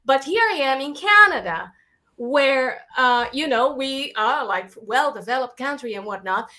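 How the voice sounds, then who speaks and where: Bright, high-voiced woman. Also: unhurried. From Latin America. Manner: animated storytelling, acts out her own past thoughts in quotes. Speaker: guest filmmaker. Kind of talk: casual interview chat.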